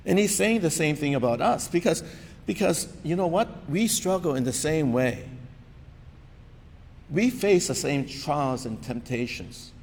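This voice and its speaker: A man's voice: lively intonation, unhurried, creaky, a little mellow. A man preaching a sermon in an earnest, conversational way, often asking rhetorical questions. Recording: long reverb of a large hall, faint rumble.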